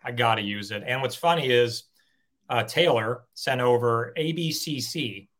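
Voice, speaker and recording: A man's voice: medium pitch, moderate pace, a bit bright. A man co-hosting a live talk show, enthusiastic and casual, explaining a giveaway segment and swearing freely. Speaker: co-host.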